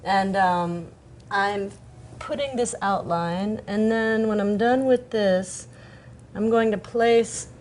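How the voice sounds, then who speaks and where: A woman in her thirties from Atlanta, an artist talking about her work in a reflective interview, thoughtful and pausing often. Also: medium pitch, darkish tone, a little hiss or hum. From Atlanta, Georgia, US. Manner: thoughtful, pauses with fillers.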